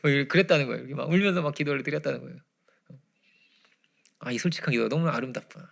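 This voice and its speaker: A man preaching a Friday prayer-meeting sermon, swinging from loud emphasis to hushed near-whispers. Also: medium pitch, very fast, gravelly. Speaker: pastor. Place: church.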